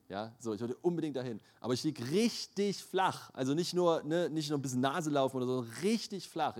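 A middle-aged male preacher with a slightly raised pitch delivers a lively sermon. He tells personal stories and acts out what people said. He laughs often as he preaches. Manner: animated storytelling, laughs often, acts out quotes.

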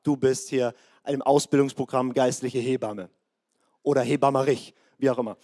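A man preaching a sermon, talking straight to the congregation in a lively, personal way. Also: mid-range voice, normal speed. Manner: lively, direct address to the congregation. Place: church service.

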